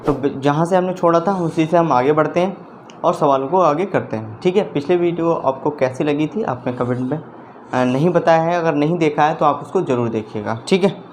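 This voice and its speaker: Slow-talking man teaching a math lesson. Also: a little high, a little mellow, a little hiss or hum. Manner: slow, repetitive explaining, often checking understanding.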